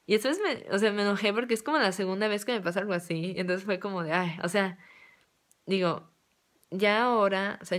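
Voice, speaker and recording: A young woman from Mexico with a Mexican accent, telling a personal story in a casual, chatty way full of fillers. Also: on the low side. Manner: chatty, many fillers like "o sea". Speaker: vlogger.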